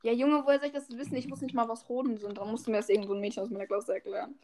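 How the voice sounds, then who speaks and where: A woman's voice: on the high side, flat delivery, racing, crowd noise. A young woman in casual chat, giggly and teasing, rambling freely with a friend. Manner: giggly, teasing, sings playfully. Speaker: podcast co-host.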